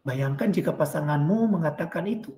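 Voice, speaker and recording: A woman pastor preaching a sermon in an animated way, acting out dialogue. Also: low-pitched, fairly quick, reverberant.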